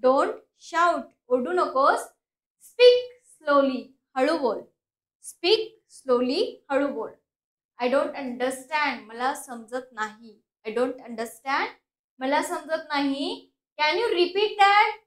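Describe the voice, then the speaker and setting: A woman teacher giving a bilingual spoken English lesson, saying English sentences slowly and explaining them quickly. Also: high voice, lively intonation, reverberant. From India. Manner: slow, drawn-out English model sentences, then quick explanations.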